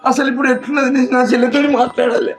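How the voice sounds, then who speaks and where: A man's voice: extremely high pitch, little pitch movement, very fast, gravelly, faint music behind. An actor playing an anxious village brother who consoles his sister in a pleading way, with a Telangana accent. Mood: consoling. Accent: Telangana Telugu.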